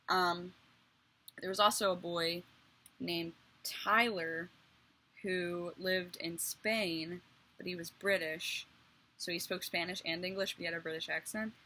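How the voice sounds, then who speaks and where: A woman's voice: fairly low pitch, sharp tone. A young woman telling her own life story in a casual vlog, blunt, crude and self-mocking. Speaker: vlogger.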